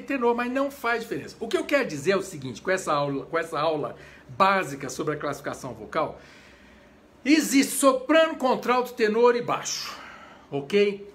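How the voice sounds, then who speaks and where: A Brazilian man with a Brazilian Portuguese accent teaches an informal, chatty lesson on singing. His voice sits high for a man and swings widely in pitch. A faint background hiss sits under the talk. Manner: animated, chatty, breaks into short sung examples. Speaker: conductor and voice teacher. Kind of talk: informal introductory lecture. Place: home during quarantine.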